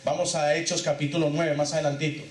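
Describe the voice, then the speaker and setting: A man delivers a sermon from the pulpit, his voice set a little high, swinging between emphatic peaks and hushed drops. He keeps tossing questions out to the congregation for them to answer. The sound rings around an echoey church hall. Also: level tone, fast talker. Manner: asks the congregation call-and-response questions, rising and falling emphatically. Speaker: pastor.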